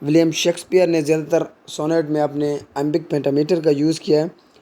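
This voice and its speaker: A man's voice: on the high side, flat delivery, fairly quick, mellow. A man teaching literary terms, explaining in Hindi and mixing in English terms, with frequent fillers and restarts.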